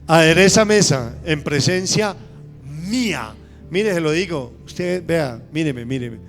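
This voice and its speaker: A middle-aged man preaching a sermon in a church, swinging from loud preaching to soft confiding asides. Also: mid-range voice. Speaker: pastor.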